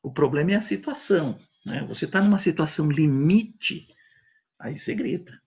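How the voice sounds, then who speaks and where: A man's voice: on the high side, animated, moderate pace, gravelly, a little mellow, breathy edge, dull audio. A man with a Brazilian Portuguese accent giving a university class over a video call, talking conversationally and acting out little voices in his examples. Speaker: university lecturer. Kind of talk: online class lecture.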